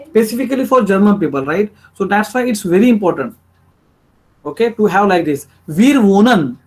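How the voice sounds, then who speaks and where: Indian teacher drilling German pronunciation. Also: male voice, sits high, a little mellow, poor audio. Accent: Marathi-influenced Indian English. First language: Marathi. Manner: repetitive, drills phrases aloud, keeps checking with "right?". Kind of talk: online language lecture.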